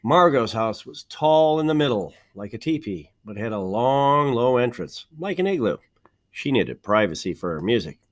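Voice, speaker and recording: Reading a children's picture book, a medium-pitched male storyteller delivers the text expressively and at a measured pace, leaning on important words for emphasis.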